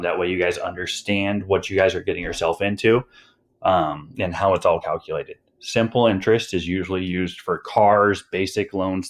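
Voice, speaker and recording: Deep-voiced yet fairly bright in tone, this young high school teacher talks his students through a recorded online lesson. He is somewhat out of breath and rambles, peppering his speech with "um"s and "you guys."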